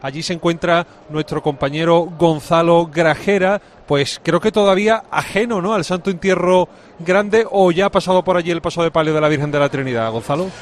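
A man anchors a live broadcast, his voice sitting a little high. He moves things along briskly, asking questions and passing the word to his colleagues. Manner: brisk anchor handing over to reporters. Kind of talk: live event commentary.

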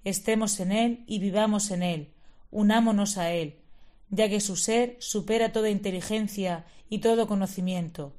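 A woman reading scripture and a spiritual text at a prayer service, steady and measured. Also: medium pitch. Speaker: lector.

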